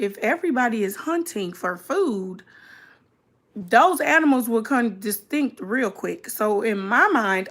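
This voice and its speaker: A woman at a middling pitch chats on a live stream in an informal, conversational way. She speaks straight to her viewers, giving her reactions as they come. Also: a bit bright. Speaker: streamer hosting a reaction mukbang. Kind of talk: casual live-stream chat reacting to a video and viewer comments.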